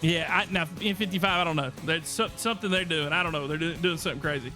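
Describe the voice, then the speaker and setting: Upbeat male podcast host, high bright voice. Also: fast, soft background music. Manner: energetic, reads chat aloud. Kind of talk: casual livestream chat.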